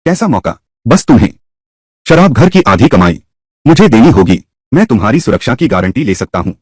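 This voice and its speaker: A man dubbing a greedy, arrogant corrupt male governor in a drama, with a husky voice. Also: mid-range voice, sing-song, normal speed, darkish tone, no echo. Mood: menacing. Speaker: dubbing voice actor. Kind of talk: Hindi dub of a Chinese short drama.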